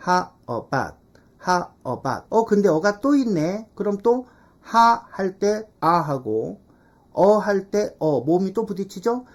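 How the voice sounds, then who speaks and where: A woman teaching English pronunciation in an online lesson, explaining step by step, checking in with rhetorical questions and slowly repeating drill phrases. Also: medium pitch, animated, a little mellow.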